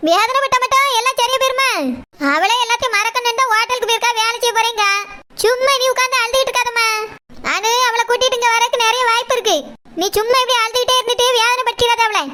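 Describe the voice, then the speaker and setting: Cartoon daughter, middle-aged, blunt and scolding, rapid and very high. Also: steady tone, bright, forceful tone. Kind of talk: cartoon voice acting.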